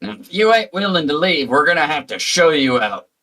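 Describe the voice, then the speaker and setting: A man voicing a gruff male farmer local with a put-on Southern drawl, threatening strangers to leave town. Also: on the high side, very animated, normal speed, pushed and bright, voice pushed up, heavily acted.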